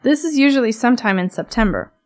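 A woman with a somewhat high voice co-hosts a scripted educational podcast. She asks friendly, curious questions and adds short remarks of her own. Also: animated, fast, darkish tone, faint music behind. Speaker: podcast co-host.

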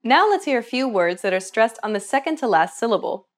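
A woman hosting a pronunciation course, narrating a scripted lesson in a clear, explanatory teacher's manner. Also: a little high, very animated, brisk. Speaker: language course host.

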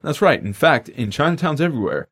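A man's voice: a little high, very animated, fast talker, fairly bright tone, breathy edge. A man co-hosting a language lesson podcast in upbeat, jokey scripted banter.

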